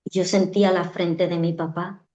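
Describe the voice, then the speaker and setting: A woman's voice: lowish voice, flat delivery, moderate pace, mellow. Earnest woman in an echoey room. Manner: earnest, repeats phrases for emphasis. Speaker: guest giving a testimony. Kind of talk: emotional personal testimony. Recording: echoey, dull-sounding room.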